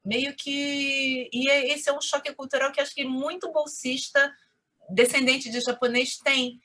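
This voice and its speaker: Bright-voiced Carioca woman, chatty storyteller. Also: high voice, unhurried. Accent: Rio de Janeiro Portuguese. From Brazil. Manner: animated storytelling, frequent "né?". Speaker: interview guest. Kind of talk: conversational interview.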